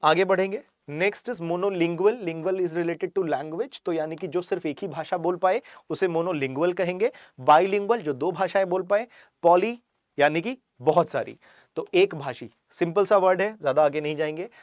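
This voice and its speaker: A man teaching an English vocabulary lesson, explaining in Hindi and reading English example sentences slowly. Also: sits high, no room sound, studio quality. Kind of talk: online exam-prep vocabulary lesson.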